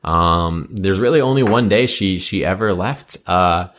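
Low-voiced man running a tabletop game. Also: measured pace, fairly bright tone. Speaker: game master. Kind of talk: casual improvised tabletop game narration.

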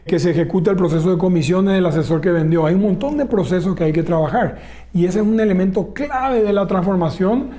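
A man's voice: high-pitched, a little fast, dark tone. A man, a telecom executive in a business interview, laying out his points one by one. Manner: explains point by point, enumerating pillars.

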